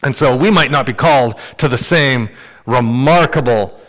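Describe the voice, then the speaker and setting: A man preaching a sermon in a relaxed, conversational way, joking with the congregation. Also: mid-range voice, normal speed. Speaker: pastor. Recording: long hall reverb.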